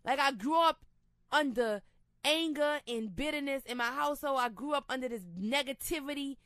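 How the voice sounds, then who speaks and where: A woman rapper with a New Orleans accent gives an impassioned spoken monologue, moving from low and reflective to loud and preachy. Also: normal speed, no echo, clean studio sound.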